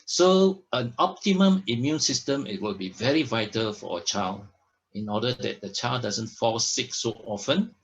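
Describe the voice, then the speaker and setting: A man's voice: mid-range voice, lively intonation, moderate pace, slight background noise. A man presenting products in a sales talk, emphatic, often checking in with "all right?" and "okay?". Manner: emphatic, stresses words by repeating them.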